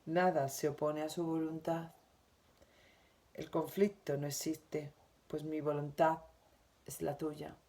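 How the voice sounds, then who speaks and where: Una mujer con acento de España que lee y comenta una lección espiritual diaria, con tono suave, sentido y reflexivo. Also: female voice, low voice, little pitch movement, slow pace, long pauses, dark tone. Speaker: spiritual teacher. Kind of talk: reading and commenting on a daily spiritual lesson.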